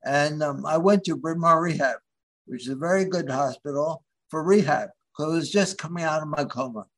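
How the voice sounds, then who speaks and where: A man from the Philadelphia area, a guest in an interview, speaking haltingly with many restarts as he searches for words. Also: fairly high pitch. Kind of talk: interview conversation.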